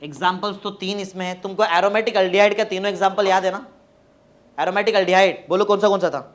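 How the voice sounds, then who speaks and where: A man's voice: high-pitched, fairly even intonation. Male teacher dictating notes. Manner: dictates slowly, spells words letter by letter; mixes Hindi and English, urging students to hurry. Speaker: chemistry teacher. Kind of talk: classroom lecture dictating notes.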